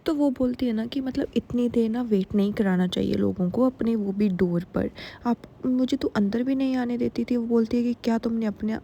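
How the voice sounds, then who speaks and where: Gravelly-voiced woman recapping a drama. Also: a little high, moderate pace, warm tone, highs cut off, slight background noise. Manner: conversational, chatty. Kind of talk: casual storytelling recap.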